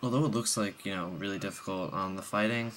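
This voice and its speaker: A man's voice: fairly low pitch, quick pace, fairly bright tone, a little hiss or hum. A young man with the hiccups giving a rambling, casual game review voice-over, full of ums and restarts.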